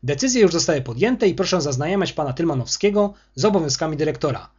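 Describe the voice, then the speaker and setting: A man's voice: fairly high pitch, animated, fast, a little mellow, husky, highs cut off, pitched above the performer's own voice. A man voicing a bullying, arrogant male school superintendent who scolds harshly. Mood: angry.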